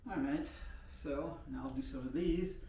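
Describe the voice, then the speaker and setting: This older man demonstrates a home workout, talking as he moves in a loose, rambling way full of fillers and thinking aloud. His voice is warm, medium-pitched, and moderately paced. The recording comes from a distant camera in a room of an older mountain home, sounding roomy with a faint hiss.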